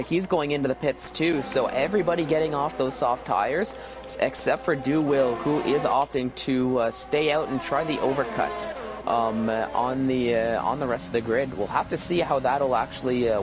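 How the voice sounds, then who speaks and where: A man's voice: mid-range voice, moderate pace. A man working as a motorsport co-commentator, giving live race analysis in a hesitant, conversational way. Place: esports race broadcast commentary.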